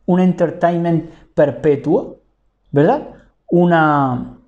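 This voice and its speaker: Guy preaching a bible study sermon, warm mellow tone, keeps asking the crowd questions then answering himself. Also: on the high side, lo-fi sound. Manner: asks rhetorical questions and answers them himself; repeats and rephrases key words.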